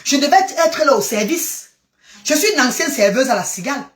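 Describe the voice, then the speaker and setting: A woman chatting in a casual live stream, animated and exclamatory, jumping from one topic to the next. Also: high-pitched, brisk. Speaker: social media live streamer. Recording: roomy echo.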